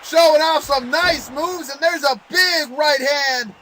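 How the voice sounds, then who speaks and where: A man calling play-by-play as a wrestling commentator, excitable and exclamatory in his delivery. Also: extremely high pitch, slow, slight background noise.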